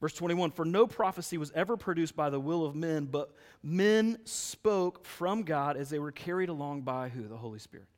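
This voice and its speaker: A man preaching a sermon, his voice a touch higher than most men's. He builds emphasis with rhetorical questions, and his words ring out with a long hall reverb. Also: expressive, moderate pace, hardly any pauses. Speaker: pastor.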